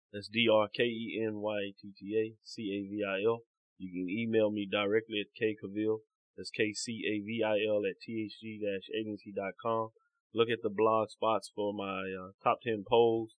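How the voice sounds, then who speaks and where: A man's voice: on the low side, no echo, narrow, tinny audio. A man, a sports commentator guest, steadily reading out his contact details.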